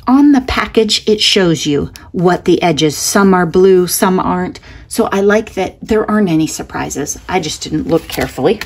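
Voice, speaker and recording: A woman's voice: mid-range voice, darkish tone, slight background noise. Chatty woman showing off her craft haul. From Oregon, US. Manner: chatty and enthusiastic, exclaiming over items. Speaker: craft vlogger. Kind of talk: casual shopping haul chat. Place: indoors at a table, hands-only overhead camera.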